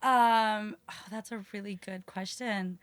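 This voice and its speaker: A woman's voice: medium pitch, fairly even intonation, unhurried, clear, resonant tone, dry recording. A woman guest on a podcast, chatting casually and bluntly, laughing often and saying "like" a lot. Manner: blunt, laughing, full of likes. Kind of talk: casual chat.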